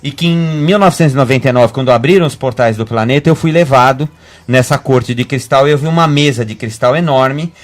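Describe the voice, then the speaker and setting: A Brazilian man, a guest medium, talking fast in a rambling way with many restarts on a web radio show. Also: medium pitch. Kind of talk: casual radio talk.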